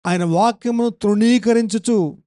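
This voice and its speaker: A man's voice: high-pitched, measured pace, mellow. A male pastor giving a Bible-study sermon, emphatic, repeating phrases and putting questions to the congregation.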